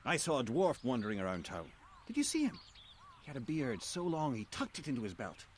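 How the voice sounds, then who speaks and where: Nosy hobbit villager, fast, lilting, chatty, video game, faint outdoor noise. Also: male voice, mid-range voice, wildly swooping pitch. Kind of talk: video game character acting.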